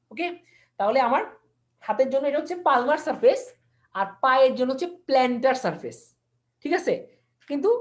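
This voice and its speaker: A woman gives an online anatomy lesson in a quick, animated voice that sits a little high. She repeats key terms and keeps asking her listeners whether they follow. The sound comes over a video-call mic. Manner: mixes English terms into speech, repeats key words, quizzes listeners. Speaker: anatomy lecturer.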